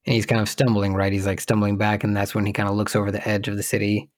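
A man's voice: on the low side, completely flat delivery, fast, no echo, clean studio sound. A man co-hosting a podcast, chatting casually about a film and thinking aloud as he searches for details. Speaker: podcast co-host.

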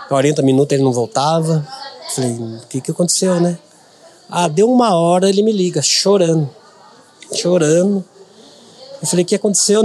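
A middle-aged man from Brazil, a podcast guest, telling a personal story earnestly and repeating words for emphasis. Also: high voice.

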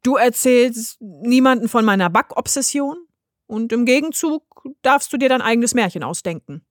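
A woman voicing Mechthild, a temperamental queen who keeps the fairy tales, in a storybook reading with a sharp, scolding delivery. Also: fairly high pitch, expressive, normal speed, no echo, clean studio sound, voice pushed up, close to an everyday voice.

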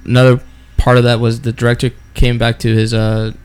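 A blunt, grumpy man chatting as a podcast co-host. His voice is smooth and resonant but stays flat in pitch, with little rise and fall. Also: a little fast. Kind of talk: casual chat.

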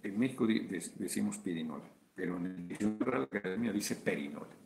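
Gravelly Mexican man, rambling commentary. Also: fairly low pitch, animated, fast, over music. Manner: rambling, informal, profane asides. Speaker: video chat host. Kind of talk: casual political commentary.

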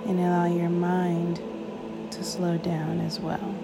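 A woman guides a sleep meditation like a sleep story narrator, soothing and unhurried, with long pauses between short phrases. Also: fairly low pitch, flat delivery, gravelly. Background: music.

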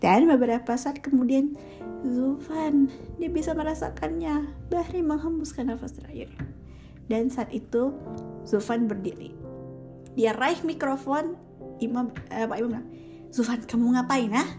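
Chatty high-voiced woman telling a story. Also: a little slow, long pauses, warm tone, soft background music. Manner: chatty, with frequent self-corrections and fillers. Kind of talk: casual spoken storytelling.

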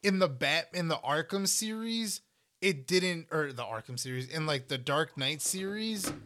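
Brief: young male co-host, bright tense tone, slightly high, loose filler-heavy chatter. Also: animated, measured pace, a little hiss or hum. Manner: rambling, filler-heavy, swears when worked up. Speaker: podcast co-host. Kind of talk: casual chat.

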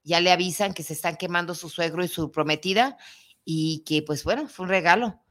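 Lively woman telling a story. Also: fairly low pitch, fairly quick. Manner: animated, colloquial, jokey, with frequent restarts and asides. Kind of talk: casual storytelling chat.

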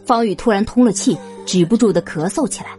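A woman with a husky voice narrating a suspense audio drama in an expressive storytelling manner. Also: mid-range voice, brisk, soft background music.

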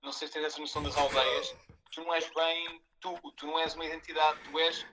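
A man with a European Portuguese accent speaks in a bright, fairly high voice. He is a guest in a casual chat, hesitating and rambling as he explains things with mock seriousness. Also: level tone, fast talker, a little hiss or hum, low-quality recording. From a village near Leiria, Portugal. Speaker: podcast guest calling in.

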